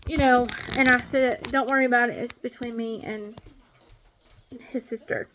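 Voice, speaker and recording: A woman with a noticeably high voice vents in a casual vlog monologue. She talks bluntly and angrily, ranting at length as a fed-up stepmom. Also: fairly bright tone. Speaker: stepmom vlogger.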